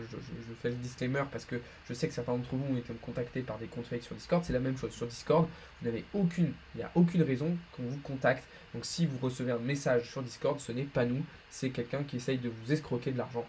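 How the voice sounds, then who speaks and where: A man's voice: mid-range voice, a little mellow, slight background noise, low-quality recording. A man hosting a live market analysis stream, chatty and full of fillers and restarts, answering chat questions between chart talk, with a French accent.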